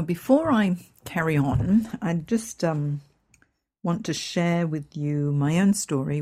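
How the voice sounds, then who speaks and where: Low, mellow middle-aged woman, Hong Kong English accent. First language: Cantonese. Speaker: podcast host and coach. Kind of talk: personal storytelling with self-help advice.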